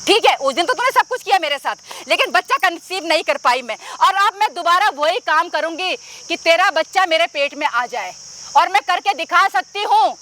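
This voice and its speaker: Woman cast as a brazen, taunting mother-in-law, very high bright voice, amateur outdoor skit. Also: lively intonation, moderate pace, a little hiss or hum, heavily acted. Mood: insistent. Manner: pushy, taunting, insistent. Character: scheming middle-aged mother-in-law, brazen and domineering.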